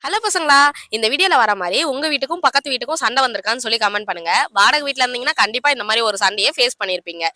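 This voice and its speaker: A woman's voice: a little high, animated, very fast, pushed and bright, no room sound. A woman channel host giving a friendly, chatty outro to her viewers.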